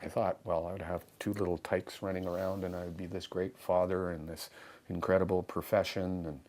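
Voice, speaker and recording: A man's voice: low-pitched, flat delivery, brisk, darkish tone. A man telling personal reflections like a storyteller, in a lyrical, musing and earnest way. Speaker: harp player. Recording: music under the voice. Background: music.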